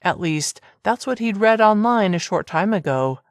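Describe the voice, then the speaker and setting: A narrator reading a romance audiobook in an even, measured storytelling manner. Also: female voice, mid-range voice, no echo, studio quality. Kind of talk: scripted narration.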